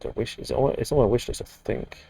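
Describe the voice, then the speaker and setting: A man's voice: medium pitch, quick pace, gravelly, warm tone, breathy edge, no room sound. A British man from the UK chatting casually while live-streaming a game, rambling with dry, muttered asides. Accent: British English. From United Kingdom.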